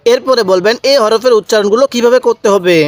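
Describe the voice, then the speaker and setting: A man teaching Quran reading, drawing out each syllable slowly, repeating sounds and asking the viewer to say them back. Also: very high voice, no room sound. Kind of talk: slow, patient recitation lesson.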